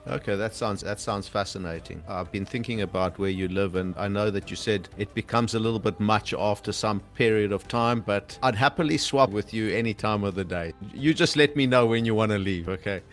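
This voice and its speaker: A man's voice: lowish voice, fairly quick, hardly any pauses, faint music behind. A man hosting a travel interview, asking questions in a friendly, chatty way. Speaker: podcast host.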